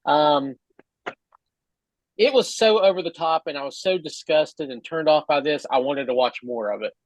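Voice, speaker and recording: A hesitant man taking part in a casual podcast chat, often restarting his sentences. His voice is a little higher than most men's, and the sound is dry and close. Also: dry recording, poor audio. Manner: halting, hesitant.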